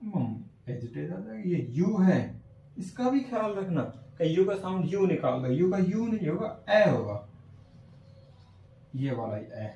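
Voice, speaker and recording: A male teacher giving a classroom lesson on phonetic transcription, slowly sounding out words and often checking whether students follow. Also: sits high, big pitch swings, creaky, mellow, muffled recording. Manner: slow, repeats sounds and checks understanding often. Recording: echoey room from far off.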